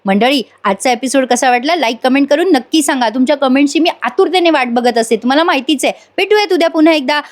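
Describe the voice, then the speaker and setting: A woman with a high voice recaps a soap serial in a chatty voice-over. She talks straight to her viewers in a casual, friendly way. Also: quick pace, hardly any pauses. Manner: chatty, addresses viewers directly. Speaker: serial reviewer.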